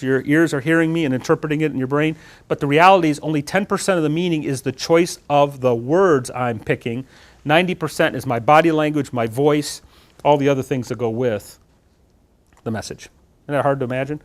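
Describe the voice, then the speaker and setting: A middle-aged man speaks to a room of students about interviewing. He talks fast in a slightly raised voice and stays animated throughout. He keeps the room involved by asking the students questions. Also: fairly high pitch. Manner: animated, talks with his hands, asks the audience questions. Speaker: guest speaker on job interviews. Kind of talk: lively classroom talk to students. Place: lecture room with student audience.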